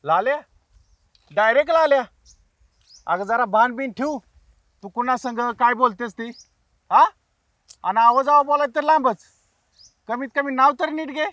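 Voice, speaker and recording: A leering village bully, high-voiced. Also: male voice, a little slow, pauses often, bright, forceful tone, dry recording, heavily acted. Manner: taunting, bullying. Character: pushy, leering village man who stalks a woman. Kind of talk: web series acting.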